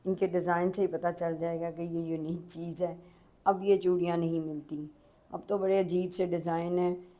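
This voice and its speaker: A woman's voice: fairly low pitch, level tone, moderate pace, dark tone. A middle-aged woman with a Punjabi accent, chatting in a folksy way as a home cook in a casual cooking vlog and addressing viewers politely.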